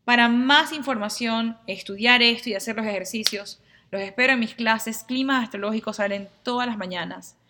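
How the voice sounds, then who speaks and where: Mujer que explica temas de astrología y psicoterapia a sus seguidores, con tono animado y acento venezolano, imitando diálogos breves. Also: female voice, on the high side, normal speed, a little hiss or hum. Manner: lively, acts out little dialogues in quotes. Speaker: astrologer and therapy teacher. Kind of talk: casual explainer to viewers.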